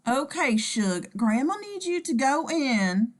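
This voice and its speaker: A woman's voice: sits high, lively intonation, normal speed, a bit bright. A woman playing a fussing grandmother and nurse in her sixties, coaxing her grandson with folksy pet names. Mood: doting. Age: 60s.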